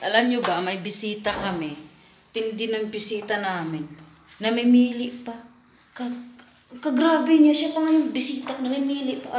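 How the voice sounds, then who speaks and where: A woman's voice: fairly high pitch, darkish tone, echoey room, slight background noise. A woman vlogging at home, chatting to viewers in a teasing, laughing storytelling manner. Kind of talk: casual vlog talking to viewers. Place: home indoors.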